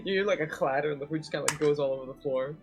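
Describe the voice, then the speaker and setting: A man at a tabletop game describing his character's actions casually in halting bursts. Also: fairly high pitch. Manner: halting, peppered with "like". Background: music.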